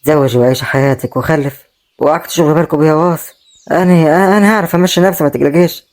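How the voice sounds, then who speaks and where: A man's voice: fairly high pitch, steady tone, fast talker, darkish tone, lightly acted. An actor with an Egyptian accent playing a proud, kind brother who has lost everything and keeps telling his sister not to worry. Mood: reassuring. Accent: Egyptian Arabic. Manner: reassuring, brushes off worry. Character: kind, proud brother left poor and homeless. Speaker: actor in a web drama.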